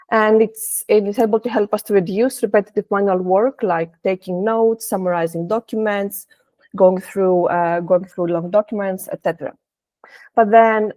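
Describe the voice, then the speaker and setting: A woman presents a technical talk, often restarting her sentences and pausing on fillers. Her pitch sits in the middle range, and the sound is dry and close. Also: darkish tone, no room sound. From Greece. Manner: hesitant, many restarts and fillers. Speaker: presenter, senior data scientist.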